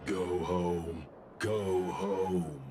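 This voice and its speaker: A man's voice: low-pitched, fairly even intonation, extremely slow, background noise. A man voicing a small, friendly, homesick household robot in a video game, speaking in a robotic, simple, repetitive way and calling himself by name. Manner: robotic, simple repetitive speech in the third person. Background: game music.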